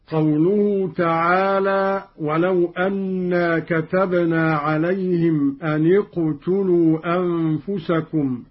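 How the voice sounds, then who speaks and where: A man giving a measured radio lesson on Quran readings, explaining each reading and chanting the quoted verses, on a dull lo-fi old radio recording. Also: sits high.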